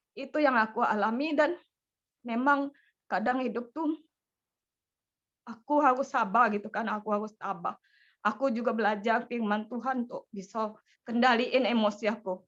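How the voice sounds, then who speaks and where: Animated woman telling a personal story. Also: on the high side. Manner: casual, animated storytelling with many fillers. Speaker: church community member sharing testimony. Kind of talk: personal testimony. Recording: dull lo-fi audio.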